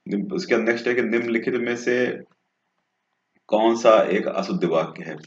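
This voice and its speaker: A man whose voice sits on the low side, speaking at a normal pace, tutors through exam questions step by step. Short "okay" check-ins come up often. The audio carries a dull, echoey room sound.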